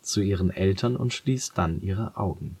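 A man reads a children's story in a calm, measured voice. His voice is very low and husky, and he speaks slowly and steadily. The recording is close and dry. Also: no echo. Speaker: narrator. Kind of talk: storybook narration.

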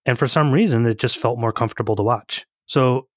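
A man's voice: mid-range voice, brisk, dry recording, clean studio sound. A man co-hosting a podcast in casual chat, talking loosely with restarts and frequent laughs. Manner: chatty, rambling with restarts, laughs often. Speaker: podcast co-host.

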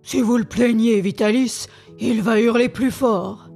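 A woman's voice: a little high, fairly even intonation, measured pace, a little mellow, soft background music. Woman playing a harsh, hot-tempered peasant man. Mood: scornful. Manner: gruff and threatening. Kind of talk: audiobook character reading.

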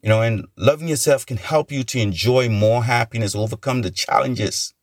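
A man's voice: medium pitch, moderate pace, no room sound, clean studio sound. A man giving an earnest, rambling motivational talk, often repeating himself and leaning on "you know" as he encourages listeners. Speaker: motivational speaker.

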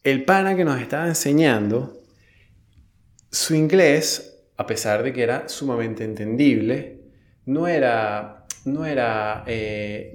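A young Venezuelan man telling a story casually, full of slang and swearing, with many restarts. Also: mid-range voice.

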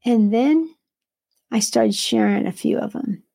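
Gravelly, mellow-voiced woman sharing her faith. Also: a little high, a little slow, no echo. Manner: earnest, quotes scripture aloud; restarts and self-corrections. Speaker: entrepreneur and devotional author. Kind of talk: faith-based conversational sharing.

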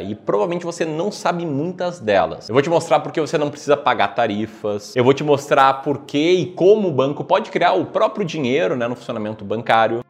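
Brazilian man explaining with showman-like emphasis. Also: medium pitch. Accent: Brazilian Portuguese. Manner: informal, colloquial asides. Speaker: video host, professional investment manager. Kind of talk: direct-to-camera explainer.

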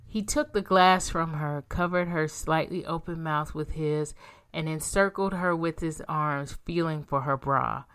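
A woman narrating a romance audiobook with a calm, even delivery. Her voice sits low, and she reads at an unhurried pace. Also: clear, resonant tone. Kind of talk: scripted narration.

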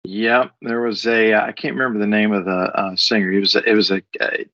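A man's voice: on the low side, level tone, brisk, bright, forceful tone, dry recording. A middle-aged man co-hosting a morning podcast, chatting casually and rambling with fillers and restarts. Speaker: podcast co-host. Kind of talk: casual morning show chat. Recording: dull lo-fi sound.

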